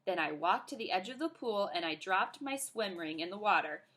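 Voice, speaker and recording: Woman reading a children's book aloud, bright, very lively voice. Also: medium pitch, moderate pace. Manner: expressive, animated. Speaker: reader.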